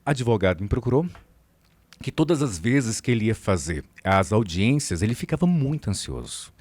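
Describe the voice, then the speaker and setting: A man's voice: lowish voice, normal speed, dry recording. A man with a Brazilian accent, a psychologist and hypnotherapist, telling a case story in a podcast interview and acting out both sides of the conversation. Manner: animated storyteller who acts out both sides of a dialogue.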